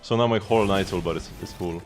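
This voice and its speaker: A low-voiced man speaks fast while streaming a game, giving offhand commentary and chatting with his viewers. Music runs in the background.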